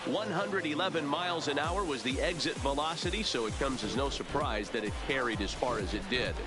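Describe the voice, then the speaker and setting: A man's voice: medium pitch, a little fast. An American man in an announcer voice, calling baseball play-by-play as a broadcast commentator. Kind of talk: announcer voice, broadcast sports commentary in a video game. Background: stadium crowd and music.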